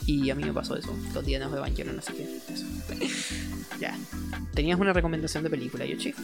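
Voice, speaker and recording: A man's voice: fairly high pitch, fast talker, creaky, over loud music. A young Chilean man co-hosting a casual podcast, slangy and profane, ranting with gusto about shows he loves and hates. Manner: slangy, swears a lot, animated rants. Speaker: podcast co-host. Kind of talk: casual chat.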